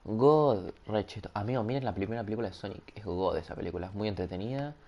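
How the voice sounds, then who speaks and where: A man's voice: on the low side, quick pace, vocal fry, darkish tone. A young man with a Rioplatense accent, rambling and joking with his viewers over a headset mic. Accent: Rioplatense Spanish. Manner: rambling, joking, laughs at himself. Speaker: streamer. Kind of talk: casual gaming livestream chat. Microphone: headset microphone.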